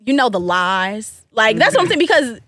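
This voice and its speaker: A woman's voice: on the high side, very animated, normal speed, a bit bright, dry recording, clean studio sound. A woman telling a long story in casual podcast chat, acting out quotes and laughing often.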